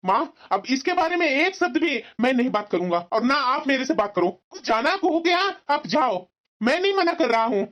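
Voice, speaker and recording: A woman's voice: sits high, very animated, fairly quick. A woman voicing a stubborn adult son who firmly refuses to back down in a cartoon family drama. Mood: indignant. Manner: firm, insistent scolding. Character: adult son, stubborn and resentful toward his sister. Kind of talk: cartoon voice acting. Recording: dull lo-fi sound.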